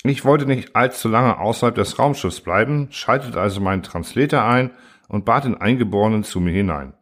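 A man reading a first-person science fiction story aloud in a calm, even storytelling manner. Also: fairly low pitch, brisk. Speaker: audiobook narrator.

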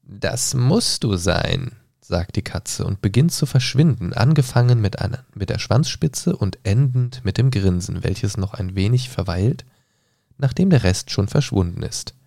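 A man reading a solo gamebook aloud on his podcast, pausing to mutter hesitant asides while leafing through pages. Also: lowish voice, lively intonation, vocal fry, mellow, no echo, studio quality. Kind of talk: reading aloud and thinking out loud.

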